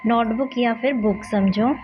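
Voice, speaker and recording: Patient woman teacher, somewhat high voice. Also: a little slow, slight background noise. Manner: patient, repeats "ठीक है" to check along. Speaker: maths teacher. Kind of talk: explaining a lesson at a board. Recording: dull lo-fi sound.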